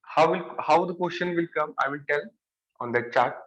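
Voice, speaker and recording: A man's voice: a little high, normal speed, fairly bright tone, reverberant, highs cut off. A young man with a Marathi accent giving an exam-prep lecture, repeating key phrases and stressing words. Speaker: engineering lecturer.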